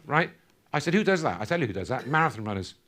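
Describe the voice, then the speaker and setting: A man's voice: medium pitch, sing-song, fast talker, fairly bright tone. A man giving a motivational keynote at a conference, quizzing the audience in call-and-response fashion. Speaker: keynote speaker. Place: conference hall.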